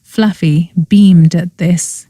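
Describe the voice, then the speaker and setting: A woman reading as a cozy mystery audiobook narrator, in expressive scripted storytelling. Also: fairly low pitch, slow, dry recording, studio quality.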